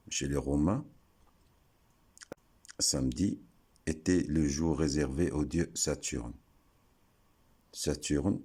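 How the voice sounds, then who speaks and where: A man giving a slow, deliberate lesson, breaking words into syllables and pausing often. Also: a bass voice, warm tone, husky. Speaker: teacher explaining word origins.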